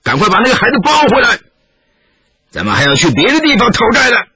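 A man's voice: wildly swooping pitch, fast, dull audio, crowd noise. A man doing a harsh, barking chieftain. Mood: commanding. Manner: high, barking commands.

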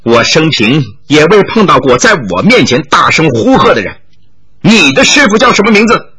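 A man's voice: fairly high pitch, sing-song, normal speed, pushed and bright, breathy edge, full character voice. A man voicing a bold young swordswoman who taunts her foes with a cold, mocking laugh. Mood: scornful.

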